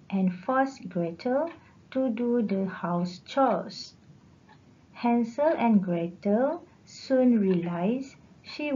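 A teacher with a Malaysian English accent reading a storybook aloud to her class in a careful, measured way, in a dull lo-fi recording. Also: fairly high pitch, mellow.

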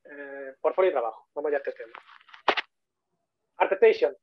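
A guest 3D modeler from Spain speaks with a Spanish accent at a moderate pace, his voice on the high side against a noisy background. His casual video-call talk is chatty and full of repeated points for emphasis, and the audio is tinny and phone-like.

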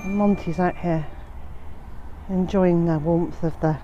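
Walking through a frosty garden with her phone at arm's length, a fifties-aged woman with a slight cold vlogs casually about homesteading, filling pauses with "uh." Her voice sits on the low side, steady and unhurried, and the muffled recording has music in the background.

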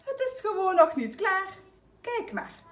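A woman voicing a patient, encouraging mother bear in a storybook, speaking warmly and coaxingly. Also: extremely high pitch, sing-song, unhurried, pitched above the performer's own voice, heavily acted. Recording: echoey room, mic at a distance.

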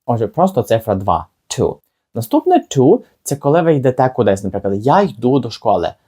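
Casting: male teacher, mellow voice, chatty and question-asking, slows down for examples. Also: medium pitch, wildly swooping pitch, husky. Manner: chatty, asks the viewer rhetorical questions, slows down for example words. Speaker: English teacher. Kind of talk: casual video lesson.

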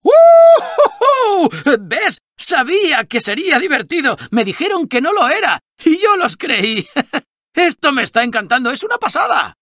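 Nervy robot buddy, kinda husky, bouncy pitch. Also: male voice, a little slow, no echo, studio quality, exaggerated voice. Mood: giddy. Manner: rambling, excitable. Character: chatty nervous male robot sidekick. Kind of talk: video game dubbing.

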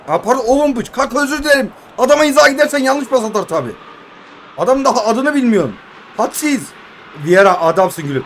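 A young man in his twenties giving casual, excitable play-by-play of his mobile football game, joking and talking to his viewers as friends. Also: sits high, a little hiss or hum. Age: 20s. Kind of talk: casual gameplay commentary.

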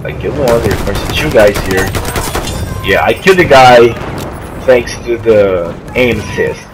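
A young man from Brazil, medium-pitched and lively in intonation, comments on his gameplay in non-native English with a Brazilian Portuguese accent, halting and restarting as he searches for words. He's coughing from an allergy. While traveling he records at a friend's house on a makeshift mic he doesn't normally use, so the home recording is noisy and poor.

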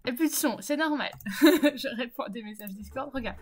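A woman's voice: high-pitched, lively intonation, moderate pace, slightly rough. A woman streamer chatting casually with her viewers while setting up and playing a game, laughing often. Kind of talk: casual live-stream chat while gaming.

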